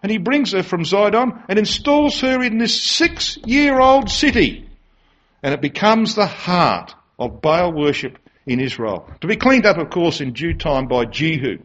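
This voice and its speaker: A man's voice: sits high, big pitch swings, unhurried, fairly bright tone. A man preaching a sermon to a congregation. He speaks emphatically and keeps asking rhetorical tag questions. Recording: dull lo-fi recording.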